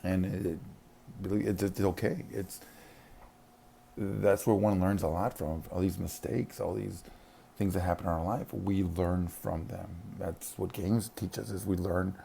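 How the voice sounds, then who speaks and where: Deep gravelly man, rambling talk. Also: fairly even intonation, unhurried, dark tone, slight background noise. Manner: rambling, many restarts, laughs between points. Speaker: school counselor. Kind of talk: casual monologue.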